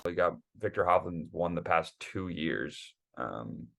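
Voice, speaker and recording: A man with a very low, gravelly voice co-hosts a casual sports podcast. His pitch moves around a lot as he talks. He rambles, restarts his sentences and leans on fillers. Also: expressive, measured pace, a bit bright, slight background noise. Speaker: podcast co-host.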